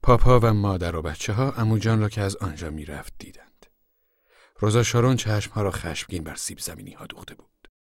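A man narrating a novel aloud in a steady, hushed storytelling manner. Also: lowish voice, no room sound, studio quality. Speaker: audiobook narrator. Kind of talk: scripted narration.

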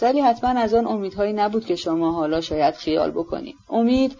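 A woman reading an audiobook, voicing a gentle, earnest young nobleman who speaks softly and sincerely. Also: medium pitch, muffled recording, natural voice. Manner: soft, hesitant, sincere.

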